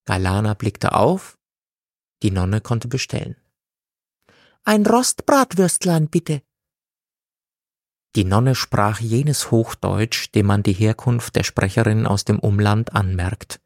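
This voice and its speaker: A man reading a story aloud as narrator, in a slow and deliberate manner. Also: lowish voice, steady tone, no echo, studio quality. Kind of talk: audiobook reading.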